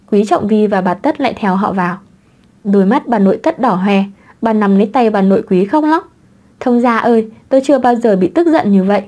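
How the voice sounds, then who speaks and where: Mellow-voiced woman reading a novel aloud. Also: mid-range voice. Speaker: audiobook narrator. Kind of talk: scripted novel narration.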